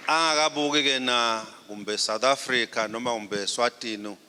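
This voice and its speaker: A man giving a formal ceremonial welcome speech with halting, deliberate phrasing. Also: medium pitch. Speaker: royal delegate giving a welcome address. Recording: echoing hall, faint noise.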